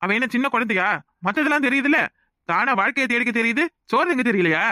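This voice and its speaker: Rasu, a man voicing a fast, sharp village son. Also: extremely high pitch, lively intonation, dry recording, clean studio sound, full character voice. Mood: exasperated. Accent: Kanyakumari Tamil. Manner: curt, exasperated, scolding. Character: irritable young village man Rasu, defensive. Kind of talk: cartoon voice acting.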